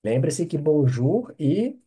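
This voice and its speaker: A man's voice: fairly high pitch, big pitch swings, takes it slowly, dark tone, husky. A Brazilian man with a Brazilian Portuguese accent teaching an online French lesson, patiently drilling phrases and checking with "ok?".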